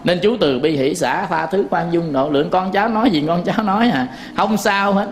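A man's voice: sits high, a little fast, slight background noise. A man giving a Buddhist sermon in a Southern Vietnamese accent, telling folksy stories with frequent chuckles and speaking straight to his listeners. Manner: folksy storytelling, chuckles often; addresses listeners directly. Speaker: Buddhist monk teacher.

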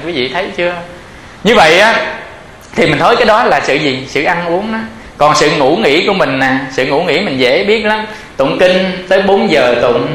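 Brief: male monk, high voice, lively sermon style, recorded in an echoing room. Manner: lively, laughs often, asks the audience rhetorical questions. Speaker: Buddhist monk teaching. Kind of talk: dharma talk sermon. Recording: echoey room.

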